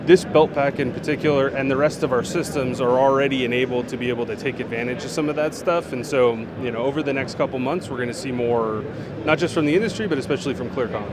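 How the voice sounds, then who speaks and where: A man working as a product manager fields interview questions amid crowd noise at a trade show, speaking fast with a medium pitch. He's relaxed, with lots of fillers and restarts.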